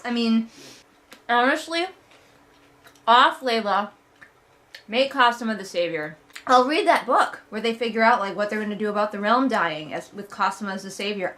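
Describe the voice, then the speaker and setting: On the high side and a bit bright, this woman's voice is expressive and moves at a moderate pace. She delivers casual, funny read-along commentary with sarcasm, emphasis and exasperation, chatting and swearing as she goes.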